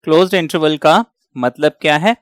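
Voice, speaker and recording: A man's voice: fairly high pitch, dry recording, clean studio sound. A man teaching a maths lesson step by step, asking questions and then answering them himself. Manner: slow, step-by-step, asks and answers his own questions. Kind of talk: explaining a lesson, mixing Hindi and English.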